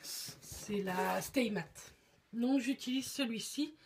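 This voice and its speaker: A woman's voice: on the high side, takes it slowly, gravelly, a little hiss or hum. Chatty young woman beauty vlogger. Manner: chatty, hesitant, many fillers and restarts. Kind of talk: casual chat.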